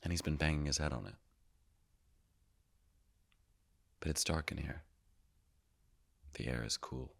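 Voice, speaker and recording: An actor playing the Higgs boson as a calm, all-knowing narrator, telling his story in a measured way and sinking often into hushed whispers. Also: rumbling low, gravelly, breathy edge, full character voice. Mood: wry storytelling. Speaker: actor performing a stage monologue. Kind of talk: theatrical monologue.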